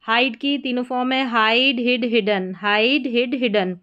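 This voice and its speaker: Smooth-voiced woman drilling verb forms. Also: fairly high pitch, measured pace, highs cut off. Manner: reads verb lists in steady drilled rhythm. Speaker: English teacher. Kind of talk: vocabulary lesson recitation.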